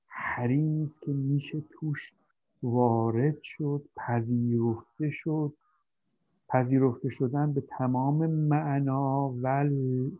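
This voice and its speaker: A man's voice: mid-range voice, steady tone, no echo. A man hosting a conversational discussion, talking hesitantly as he searches for his words. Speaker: host. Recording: dry tinny phone-like line.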